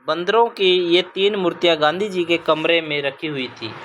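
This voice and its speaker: A man's voice: on the high side, moderate pace, fairly bright tone, muffled recording, a little hiss or hum. A man teaching a primary school language lesson to children, patient and repetitive, checking in with the class often. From Punjab. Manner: patient, repeats "ठीक है बच्चों" often.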